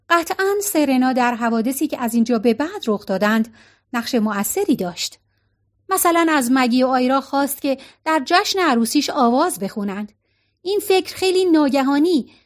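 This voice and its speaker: A woman with a high-pitched voice reads a story aloud as an audiobook narrator. Her storytelling is expressive, and she gives light shading to each character's lines.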